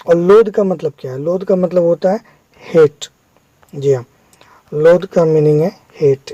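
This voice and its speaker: A man's voice: on the high side, mellow, no echo, muffled recording. A man teaching English vocabulary over slides, explaining step by step and checking in with viewers.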